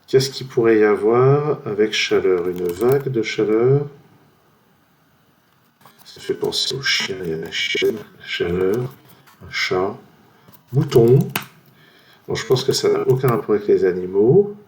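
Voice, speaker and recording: A French man thinking aloud, slowly trying one word after another while playing a word-guessing game at his computer. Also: lowish voice, animated, a little mellow. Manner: slow, musing, trails off while guessing.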